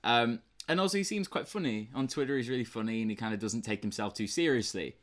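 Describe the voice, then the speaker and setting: Fast and medium-pitched, this young British man co-hosts a book review podcast. He rambles casually, leaning on fillers and restarts.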